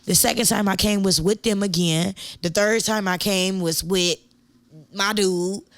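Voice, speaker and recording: A woman's voice: medium pitch, fairly even intonation, unhurried, dry recording. A young woman from Akron, a musician guest, chatting casually and rambling in laid-back slang. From Akron, Ohio. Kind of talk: casual interview chat.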